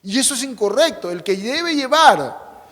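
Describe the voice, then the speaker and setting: A male pastor preaching a sermon, asking the congregation rhetorical questions and swinging between loud emphatic lines and quiet asides. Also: very high-pitched, big pitch swings, normal speed, big-room sound. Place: church sanctuary.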